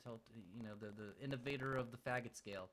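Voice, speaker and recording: A man's voice: medium pitch, fast, a bit bright. A man hosting a casual livestream, blunt and crude, often repeating his words as he restarts sentences. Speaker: livestream host.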